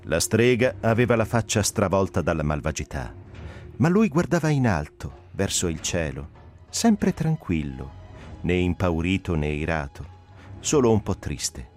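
A man reading a story aloud as narrator, with expressive, dramatic delivery. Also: low-pitched, a little slow, soft background music. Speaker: narrator reader.

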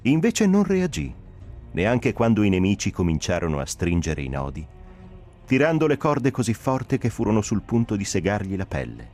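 A man narrating a dramatic audiobook reading, expressive and shaped by the drama. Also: lowish voice, normal speed, soft background music. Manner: expressive, rising and falling with the drama.

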